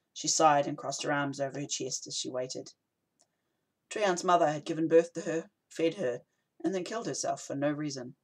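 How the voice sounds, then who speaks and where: A man reading an audiobook as narrator, in a steady, even way. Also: a little high, low-quality recording. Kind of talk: scripted narration.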